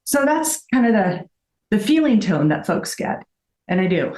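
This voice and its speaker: A woman who founded a fitness company, talking in an upbeat, rapid-fire way and laughing often as a podcast guest. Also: medium pitch, big pitch swings, a little mellow. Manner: rapid-fire talker who calls herself an auctioneer. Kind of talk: conversational interview. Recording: roomy echo.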